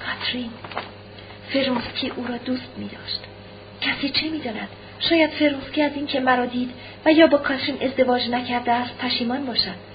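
A woman's voice: fairly high pitch, highs cut off, noisy background, lightly acted. Woman reading as a despairing young noblewoman. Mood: sorrowful. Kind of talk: audiobook reading.

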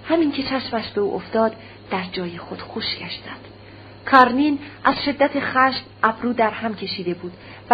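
A woman narrating an audiobook in a measured, expressive reading. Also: fairly high pitch. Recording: dull lo-fi recording with faint hum.

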